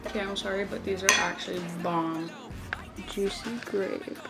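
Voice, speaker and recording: Loud music plays behind this fitness vlogger, a woman in her twenties whose medium-pitched voice keeps a fairly even intonation at a moderate pace. She talks to the camera in a chatty, somewhat self-conscious vlog style, filming on a phone held at arm's length in rooms at home, a gym room and a parked car.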